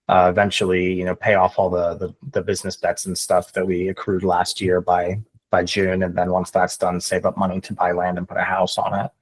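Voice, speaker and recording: A man with a fairly low voice chats and explains casually. He thinks aloud as he goes, circling back over his words like a teacher working out a point. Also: breathy edge, poor audio.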